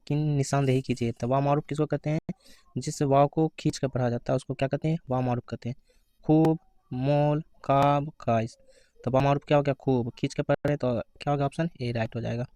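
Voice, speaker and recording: Man teaching grammar, smooth clear voice. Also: mid-range voice, fairly even intonation, a little mellow, no echo, studio quality. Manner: asks questions then answers them himself; reads answer options slowly. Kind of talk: exam-prep grammar lesson.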